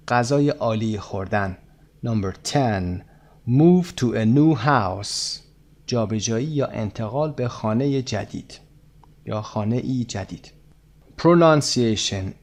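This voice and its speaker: A male teacher with a Persian accent, a native Persian speaker, works through a textbook lesson. His pitch sits at a middling level. He stretches out each English word with deliberate care, then speeds up when he explains it in Persian. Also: a little mellow.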